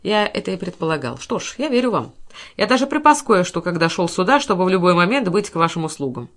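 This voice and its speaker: A woman voicing a cold, calm, menacing male banker who speaks with icy mockery. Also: lowish voice, fast talker.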